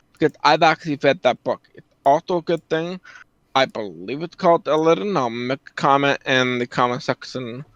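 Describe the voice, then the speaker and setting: A reaction video commentator casually talks through a game's story, explaining it conversationally. His voice sits a little high and sounds a bit bright. The recording is close, dry and slightly dull.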